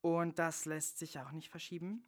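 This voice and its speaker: A man reading the part of a soft-spoken, hesitant young woman. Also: low-pitched, fairly even intonation, moderate pace, natural voice. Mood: earnest. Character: gentle, earnest young woman.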